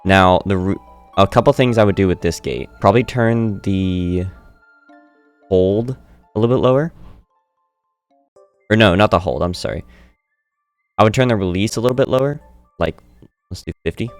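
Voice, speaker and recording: A streamer demonstrating audio software casually walks through his microphone settings in a screen-recorded tutorial, often correcting himself in a relaxed way. His low-pitched voice, clean in tone, moves at a moderate pace with long pauses, captured dry on a studio dynamic mic through an audio interface with faint music behind.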